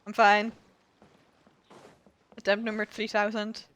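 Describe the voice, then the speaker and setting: A woman speaks slowly in a completely flat, medium-pitched voice with a fairly bright tone. She's playing a game on stream, reading dialogue aloud and chatting in a rambling, giggly, self-deprecating style as game music plays.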